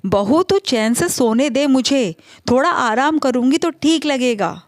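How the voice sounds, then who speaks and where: A woman voicing an irritable elderly mother-in-law who scolds her daughter-in-law in a shrill, exasperated way. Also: expressive, a little slow, dry recording, clean studio sound. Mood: sleepy plea.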